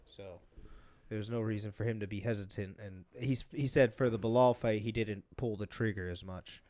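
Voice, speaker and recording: A man's voice: lowish voice, fairly even intonation, normal speed, a little mellow, dry recording. A young man co-hosting a podcast, chatting casually about fights in a rambling way, full of fillers and restarts. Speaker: podcast co-host.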